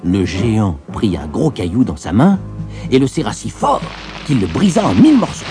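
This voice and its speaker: Male narrator, deep-ish mellow voice, animated storybook reading. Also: normal speed. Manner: expressive, lively storytelling. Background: soft background music.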